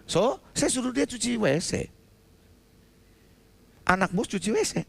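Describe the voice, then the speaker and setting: Animated pastor preaching. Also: male voice, very high-pitched, a little slow, creaky, breathy edge. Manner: animated storytelling with sudden loud outbursts. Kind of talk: sermon. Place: church sanctuary.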